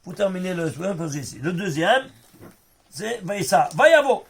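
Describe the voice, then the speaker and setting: High-voiced rabbi teaching a small class. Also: male voice, moderate pace, creaky, husky. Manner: animated explainer who keeps checking if students follow. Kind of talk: informal Torah lesson to a small group.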